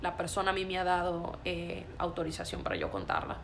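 A woman preaching a sermon in an emphatic, repetitive, forceful way. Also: fairly low pitch, big pitch swings, a little fast, gravelly, a little hiss or hum.

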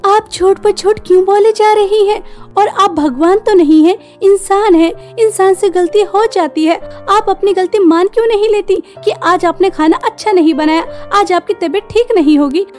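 A scheming young sister-in-law in a cartoon story taunts with gloating glee, voiced by a woman. Her voice sits high and mellow. Faint music plays underneath. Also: unhurried. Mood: indignant. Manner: mocking, gloating.

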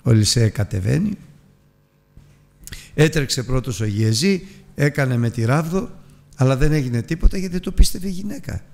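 A man of ordinary pitch teaches a Bible lesson with a gravelly edge to his voice. He retells a scripture story earnestly, pushing key words up and letting others fall. He speaks to his listeners as brothers. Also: lively intonation, pauses often, a little mellow. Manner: earnest storytelling with emphatic rises and drops.

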